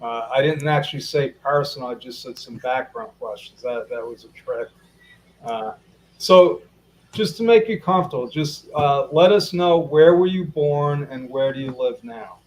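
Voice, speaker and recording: A man's voice: medium pitch, moderate pace, darkish tone, poor audio. A man hosting a casual live interview, chatty, repeating himself and talking to viewers as folks. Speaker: interview host.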